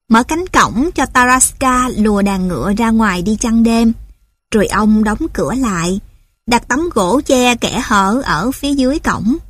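A woman reading a story aloud in steady, measured scripted narration. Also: fairly high pitch, dry recording.

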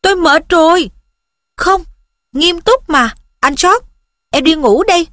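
A woman reads a teenage boy wizard, frustrated and defensive, pushing back with insistent protests in a bright, higher-pitched voice. The storybook voice sounds close and dry, with no room around it. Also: animated, moderate pace, no echo.

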